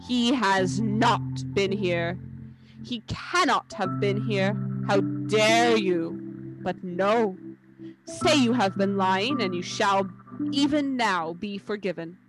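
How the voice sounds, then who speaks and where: A woman voicing a cruel, imperious witch queen in a storybook reading, slow and menacing. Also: mid-range voice, over music, natural voice, poor audio. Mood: cold.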